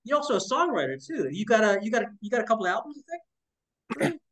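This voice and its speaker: Male interviewer, quick and rambling, voice sitting a bit high. Casual chat. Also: low-quality recording. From Canada. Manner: rambling, animated, laughs often.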